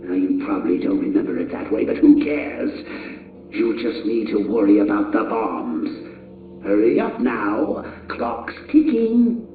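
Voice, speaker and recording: A man's voice: lowish voice, sing-song, measured pace, faint music behind. An actor playing the Joker, a mocking, vengeful male criminal clown, sneering in sing-song taunts broken by laughter. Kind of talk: video game voice lines. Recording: distant, echoey, tinny broadcast sound.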